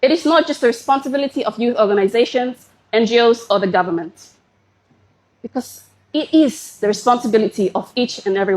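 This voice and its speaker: A young woman from Papua New Guinea delivering a formal, prepared pageant speech in a poised, measured and deliberate manner. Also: on the high side, rough recording. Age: young adult. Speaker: pageant contestant.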